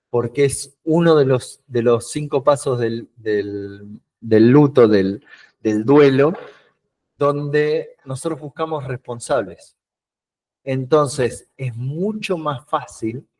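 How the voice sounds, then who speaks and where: A man's voice: mid-range voice, slow pace. Rioplatense man teaching an online coaching class. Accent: Rioplatense Spanish. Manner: animated, acts out short dialogues in his examples; repeats words while searching for them. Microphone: video call.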